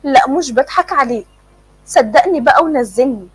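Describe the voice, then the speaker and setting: A frightened young woman who pleads and mocks by turns, voiced by a woman storyteller. The voice is high and husky. The sound is dry and close. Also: lively intonation, normal speed, no echo, rough recording. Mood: pleading. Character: scared young woman, pleading and sharp-tongued.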